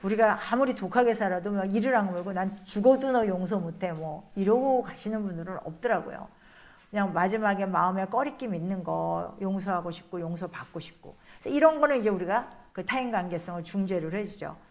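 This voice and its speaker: Nun telling a story in a lecture. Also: female voice, medium pitch, expressive, brisk. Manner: colloquial storytelling, acts out the people she quotes. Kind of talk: spiritual lecture told as a personal story.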